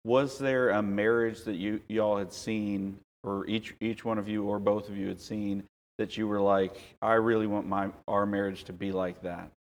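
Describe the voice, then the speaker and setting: Lowish-voiced man asking casual questions. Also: flat delivery, moderate pace. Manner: tentative, rephrasing questions as he goes. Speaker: interviewer, son of the couple. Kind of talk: casual family interview.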